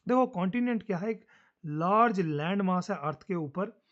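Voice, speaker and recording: A man teaching a social studies lesson fast and casually, mixing Hindi with English terms. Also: high voice, expressive, muffled recording.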